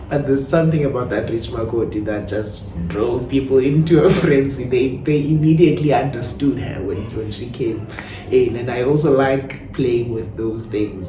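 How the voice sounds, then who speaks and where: A South African playwright and director with a mellow, mid-range voice reflects in an interview, switching between English and Xhosa. The recording is roomy, captured on a distant mic with faint background noise.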